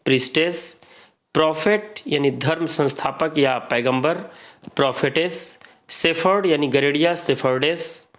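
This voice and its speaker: Slow-paced Indian man teaching. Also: a little high, fairly bright tone. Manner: repeats word pairs, drills students. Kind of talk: exam-prep grammar lesson.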